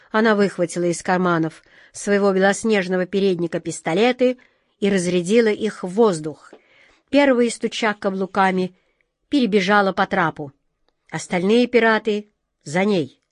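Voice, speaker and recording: A woman narrating a children's storybook in a measured, expressive way. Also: medium pitch, dry recording, studio quality. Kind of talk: storybook reading.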